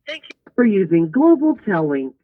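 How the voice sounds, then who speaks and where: A woman's recorded voice reading an automated prison phone call prompt in a steady scripted way over a phone line. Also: mid-range voice, moderate pace, no room sound. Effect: automated prison phone message over a phone line. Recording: tinny distant phone line.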